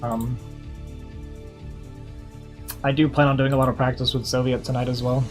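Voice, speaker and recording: Faint music sits behind a young streamer and caster chatting casually from his computer at a moderate pace. His medium pitch barely moves, and his upbeat, rambling delivery is packed with fillers, his voice worn from talking.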